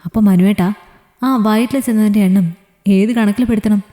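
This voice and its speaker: A woman storyteller with a warm, natural, mid-range voice speaks fairly quickly and keeps a steady tone. She voices a strict young woman who scolds and teases her fiancé, in a scolding mood. The room is reverberant and echoey.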